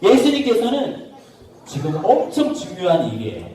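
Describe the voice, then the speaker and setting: A man giving a lively children's sermon as pastor, telling stories and acting out the people in them. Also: sits high, normal speed, slight background noise. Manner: animated, acts out characters in the stories. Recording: echoey hall, voice from far off.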